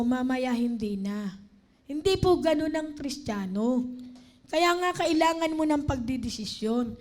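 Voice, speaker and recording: High-voiced Filipino woman preaching. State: tired, strained voice. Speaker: lay preacher. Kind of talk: sermon. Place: church.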